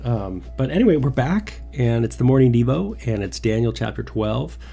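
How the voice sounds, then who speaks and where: Over soft background music, a devotional host streams a casual Bible session from home in a mid-range, dark, creaky voice with a sing-song lilt at normal speed. Slightly nasal from a cold, he rambles with many fillers and restarts.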